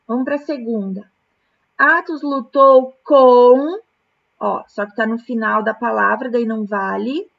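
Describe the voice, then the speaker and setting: A woman from Brazil, a primary school teacher, correcting exercises in a remote lesson, explaining words slowly, syllable by syllable. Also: fairly high pitch, creaky, lo-fi sound. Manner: slow, patient, syllable-by-syllable explanation.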